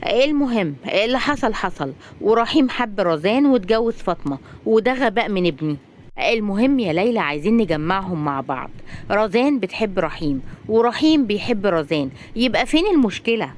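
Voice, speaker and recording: A woman's voice: medium pitch, sing-song, a little fast, a little hiss or hum, natural voice. A woman with an Egyptian accent voicing a chatty, scheming older grandmother. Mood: chatty, plotting. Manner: chatty, conspiratorial.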